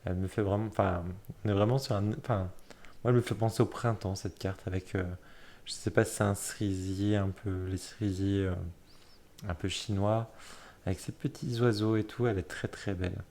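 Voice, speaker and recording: A man with a somewhat low voice walks through a tarot deck card by card. His talk is loose and halting, with frequent fillers and quick corrections. He keeps stopping to admire each card in a soft, plain tone. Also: fairly even intonation. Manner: hesitant, many fillers and self-corrections; admiring, soft-spoken commentary. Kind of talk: casual deck flip-through.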